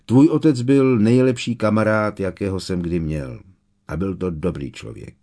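A man's voice: on the low side, warm tone, natural voice. A man reading the lines of a hot-tempered, loyal adult wizard who speaks earnestly. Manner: earnest, emphatic. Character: loyal grown wizard godfather, fiery temper.

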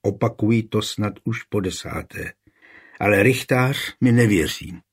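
A nervous young student who answers quietly and bashfully, as a male narrator voices him. The tone stays low-key and husky. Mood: quiet, shy.

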